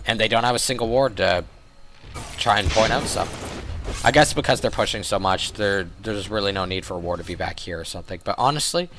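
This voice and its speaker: Hoarse, excitable young game caster. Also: male voice, on the low side, brisk, music in the background. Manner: excitable, rambling, self-correcting. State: hoarse from a cold. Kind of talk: live video game commentary.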